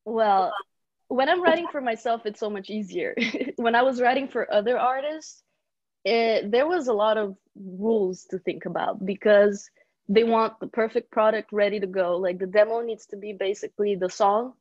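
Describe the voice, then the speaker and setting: A woman's voice: medium pitch, normal speed, a little mellow, no room sound, highs cut off. A young woman who grew up in Brazil, a singer-songwriter guest chatting casually on a podcast and laughing often. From Bulgaria, raised in Brazil.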